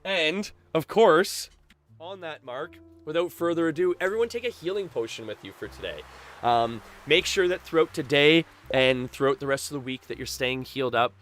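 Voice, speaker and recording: A man's voice: on the high side, lively intonation, moderate pace, fairly bright tone, slight background noise. A boisterous, chatty man from Canada hosting a casual livestream, talking with his viewers. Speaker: live game streamer and host. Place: small backyard shed used as a streaming room.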